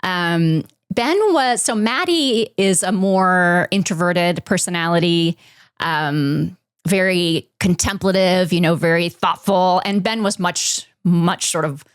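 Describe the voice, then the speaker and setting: Soft-spoken woman telling a family story. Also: fairly low pitch, smooth, dry recording, clean studio sound. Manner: reflective, halting, many fillers. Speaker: podcast guest. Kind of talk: personal storytelling in an interview.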